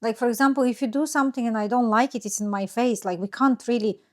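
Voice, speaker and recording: A woman's voice: on the high side, fast talker, a little mellow. A young adult woman with a Bulgarian accent, reading out questions in a casual chat and sometimes searching for words. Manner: reads questions aloud, searches for English words. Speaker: co-host.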